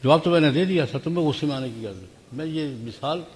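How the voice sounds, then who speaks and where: A man's voice: a little high, darkish tone. An older man from Pakistan, preaching at a graduation ceremony in a folksy way, with stories and rhetorical questions. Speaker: religious scholar. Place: large hall. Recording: long hall reverb.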